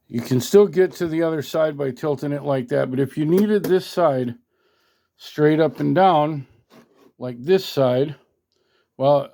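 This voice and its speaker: Recorded on a handheld phone at an indoor workbench, this product reviewer and radio hobbyist runs through a relaxed, hands-on demo. His voice is fairly high and a little mellow, and his talk is folksy, colloquial and a bit salty.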